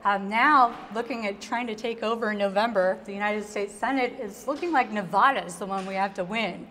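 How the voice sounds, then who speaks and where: A woman's voice: medium pitch, fairly quick, fairly bright tone, in a large hall, a little hiss or hum. A woman, an attorney on a political panel, giving confident and direct analysis of election results.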